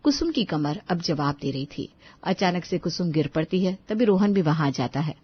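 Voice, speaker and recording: Steady female storyteller. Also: on the low side, normal speed, slightly rough, dry recording. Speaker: narrator. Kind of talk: scripted storybook narration. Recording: dull lo-fi voice-over.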